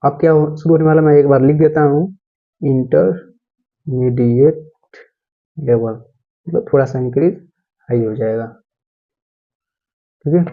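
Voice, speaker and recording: A man's voice: on the high side, steady tone. Man teaching English grammar, dull audio. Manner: explains slowly, repeats phrases, checks with 'theek hai'. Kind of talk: Hindi-to-English grammar lesson.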